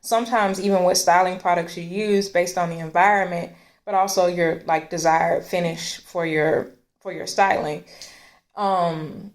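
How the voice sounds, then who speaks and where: A woman's voice: fairly low pitch, fairly even intonation, measured pace. A woman hosting a casual hair care chat, explaining her advice in a conversational way. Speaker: host.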